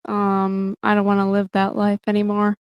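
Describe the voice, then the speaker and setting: A woman's voice: mid-range voice, completely flat delivery, normal speed, clear, resonant tone, no room sound, dull audio. A woman guest on a podcast panel, speaking matter-of-factly. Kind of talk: casual panel talk.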